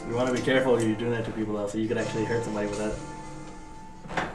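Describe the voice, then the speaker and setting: A man's voice: lowish voice, little pitch movement, fast, far from the mic. A man making wry, jokey asides during a casual stream, playing mock confusion. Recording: roomy sound, off-mic, game music behind.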